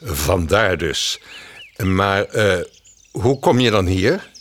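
A solemn, pompous owl from a children's storybook talks in a formal, fussy manner, as a man puts him on. His voice sits low and moves lively in pitch, at an unhurried pace. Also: heavily acted.

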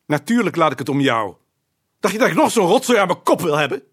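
An actor playing an irritable husband in a film drama, gruff and quick to flare up. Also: male voice, low-pitched, lively intonation, no room sound, studio quality. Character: grumpy middle-aged husband, short-tempered.

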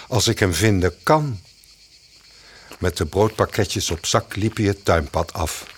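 A man calmly narrating a children's story. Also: low-pitched, husky. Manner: calm and slow, gently storytelling.

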